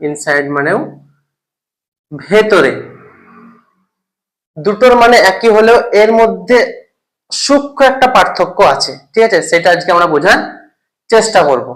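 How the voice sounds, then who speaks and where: A teacher walks through a grammar point in a lesson video. They keep asking questions and checking that the listener follows. Example English sentences are read out slowly, one word at a time. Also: medium pitch, animated, low-quality recording. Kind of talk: explaining grammar in a recorded lesson.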